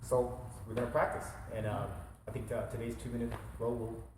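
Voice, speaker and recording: A man's voice: medium pitch, flat delivery, a little fast, a little mellow. A man chatting casually as a student during jiu jitsu training. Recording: distant mic, reverberant noisy room.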